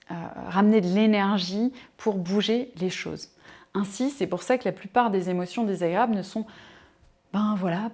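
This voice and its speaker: A woman's voice: medium pitch, darkish tone. A woman giving a casual spoken talk on personal growth as a coach, addressing the listener directly with many fillers.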